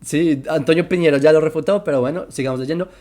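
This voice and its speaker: A presenter explaining religious texts in a commentary lesson, slowing down to spell out terms and often asking whether listeners follow. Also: medium pitch, mellow. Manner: keeps checking listeners follow, asking "right?"; slows down to spell out terms and examples.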